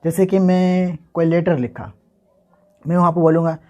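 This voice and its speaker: Man slowly spelling out Urdu words. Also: fairly high pitch, steady tone, dark tone. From Bihar, India. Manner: repeats words slowly, asks and answers himself. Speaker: Urdu handwriting teacher. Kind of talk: casual teaching with spelled-out letters.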